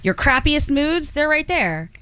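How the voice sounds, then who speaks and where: A woman's voice: high voice, sing-song, unhurried, bright, forceful tone. A woman co-hosting a morning radio show in a studio, candid and chatty. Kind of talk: casual morning radio chat.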